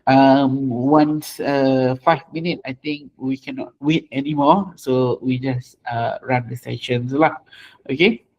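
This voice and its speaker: On an online video call, a webinar host with a Malaysian accent chats casually and welcomingly with participants, mixing English and Malay and often repeating phrases. His mid-range voice is a little mellow, with fairly even intonation and a slow pace, and the sound is lo-fi.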